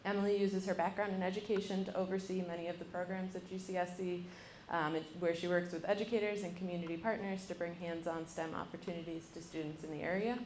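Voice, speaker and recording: A woman's voice: fairly low pitch, fairly even intonation, fast talker, hardly any pauses, darkish tone, slight background noise. A young woman moderating a university panel, introducing each speaker with frequent ums. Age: young adult. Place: lecture room. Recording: roomy, mic from a distance.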